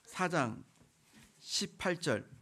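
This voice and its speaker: A man's voice: fairly high pitch, expressive, slow, bright, forceful tone. A middle-aged man preaching a sermon, telling a personal story and asking the congregation questions. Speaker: pastor.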